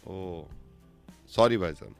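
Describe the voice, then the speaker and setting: A man hosting a radio prank call, switching between begging apologies and loud scolding. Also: low-pitched, slow pace, vocal fry, faint music behind. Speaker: radio host making prank calls.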